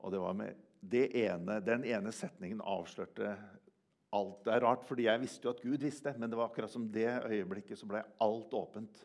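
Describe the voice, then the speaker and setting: An older man preaching a sermon in a church, earnest, swinging from loud emphasis to hushed quiet. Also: lowish voice, steady tone. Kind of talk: sermon with personal testimony.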